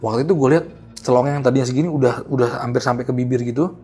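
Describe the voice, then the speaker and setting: A young man casually tells a horror story in a lively, slangy way. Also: mid-range voice, very fast, slightly rough, soft background music. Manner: animated, acts out the people in his story, slangy. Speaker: guest storyteller.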